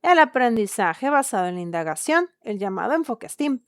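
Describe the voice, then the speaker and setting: A woman hosting a podcast, reading a measured and persuasive script. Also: a little high, big pitch swings, no room sound, clean studio sound. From Mexico. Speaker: podcast host. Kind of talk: scripted narration.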